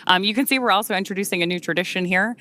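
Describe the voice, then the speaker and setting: A woman's voice: medium pitch, very fast, bright, forceful tone. A woman co-hosting a live spaceflight webcast, explaining things in a conversational way. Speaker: launch webcast co-host.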